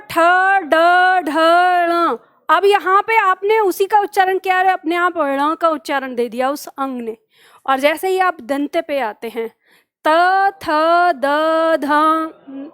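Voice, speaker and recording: A Hindi teacher leads an online exam-prep language lesson in a very high, fairly bright voice, explaining step by step. She asks her students questions, answers them herself, and drills the sounds aloud with them. The recording is dry with clean studio sound.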